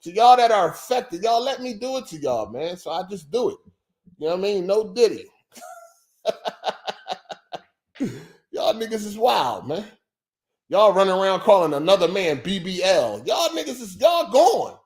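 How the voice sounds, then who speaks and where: A man chats on his livestream in a fairly high voice. His talk is loose and profane, and he repeats his points over and over, leaning on "man" and "dog.". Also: big pitch swings, normal speed, pauses often. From Philadelphia. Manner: loose, profane, repetitive banter. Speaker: podcast host. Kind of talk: casual livestream chat.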